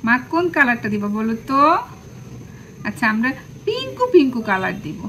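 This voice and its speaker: A woman's voice: a little high, wildly swooping pitch, fairly quick, a bit bright, slight background noise, low-quality recording. A woman pet vlogger talking in doting baby talk to her cat, cooing and repeating words fondly. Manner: cooing, sing-song, repeats words affectionately.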